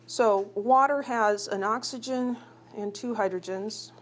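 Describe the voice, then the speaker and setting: An unhurried woman with a medium-pitched voice gives a recorded chemistry lecture. She teases her students, chats, and asks them questions while going through examples.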